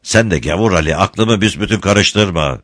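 Bossy old-time gendarme captain, loud and commanding, as a narrator puts him on. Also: male voice, low voice, normal speed, no room sound, clean studio sound. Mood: stern. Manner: barking, commanding. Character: gruff Ottoman gendarme captain, bossy, quick-tempered.

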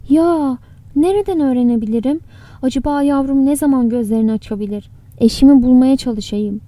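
A woman voicing a middle-aged mother in an audiobook, soft and tearful. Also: high-pitched, fairly quick, no echo, close to an everyday voice.

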